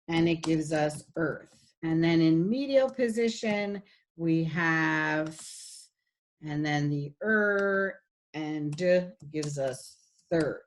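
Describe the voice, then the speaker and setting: A woman giving a recorded phonetics lecture, patiently demonstrating sounds while sharing her screen. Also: lowish voice. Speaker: phonetics instructor.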